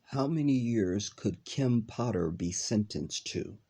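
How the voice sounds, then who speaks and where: Hosting a reaction vlog while congested from a cold, a man speaks in a lowish, stuffy voice that's expressive, creaky, warm, and slightly rough. He chats casually to viewers, rambling with lots of ums, drawn-out words, and phrases that trail off.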